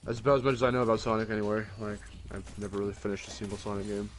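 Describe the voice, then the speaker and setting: Speaking very fast in a fairly low, steady voice, a young man sounds groggy and worn, as if just out of bed. Like a podcast co-host in casual chat, he rambles, backtracks to fix what he said, and drops an occasional swear, with faint music underneath.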